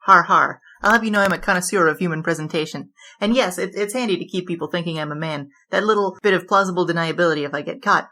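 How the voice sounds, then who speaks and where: In an audio drama, an actress plays a boastful, flamboyant female bandit king. Her voice is on the low side with a sharp tone, and her delivery is theatrical, grandiose and quick-witted.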